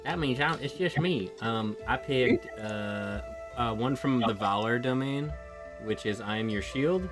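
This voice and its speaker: A man's voice: mid-range voice, a little slow, music in the background. A man playing in a tabletop game, reading out his abilities in a hesitant way with lots of ums and a few jokes. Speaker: player. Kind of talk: casual chat during a game session.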